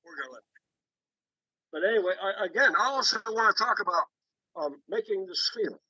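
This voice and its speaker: A man's voice: high-pitched, lively intonation, pushed and bright, no echo. Man on a cell-phone conference call. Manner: halting, repeats words and restarts often. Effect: conference call over a cell phone. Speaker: woodturning club member showing his work. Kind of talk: casual chat on a group call. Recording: dull dry phone-call audio.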